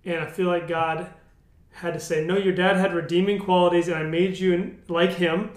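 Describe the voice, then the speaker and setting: A man's voice: high-pitched, flat delivery, moderate pace, reverberant. A man in his thirties co-hosting a casual faith discussion, candid and self-deprecating, with many restarts. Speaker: podcast co-host.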